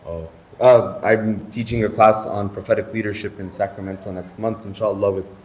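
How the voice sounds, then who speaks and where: A man's voice: lowish voice, fairly even intonation, normal speed, darkish tone. A man in his thirties, an Islamic studies teacher, introducing himself with self-deprecating jokes, rambling asides and Arabic phrases. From United States. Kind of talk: casual self-introduction to a group. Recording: echoey room with faint noise.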